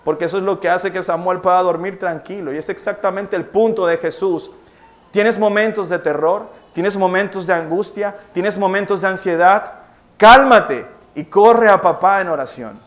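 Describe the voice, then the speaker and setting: High-voiced Colombian man preaching a sermon. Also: normal speed. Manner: animated storytelling preacher, asks questions and answers them. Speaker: pastor. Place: church hall.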